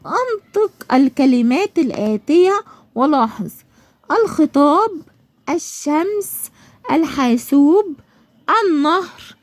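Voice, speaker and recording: A woman's voice: fairly high pitch, a little mellow. A woman with an Egyptian accent teaching a school lesson, asking and answering her own questions and drawing out example words.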